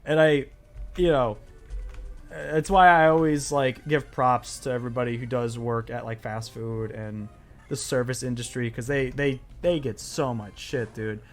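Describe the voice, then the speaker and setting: A man's voice: mid-range voice, steady tone, measured pace, faint music behind. A man streaming a game and telling a story in a loose, rambling way, full of fillers and swearing. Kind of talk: casual storytelling while playing a game.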